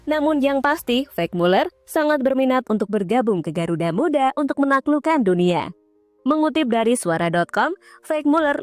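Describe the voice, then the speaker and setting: A woman's voice: on the high side, no echo. A woman narrating football news in a scripted read, dropping in casual slang asides. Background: faint background music.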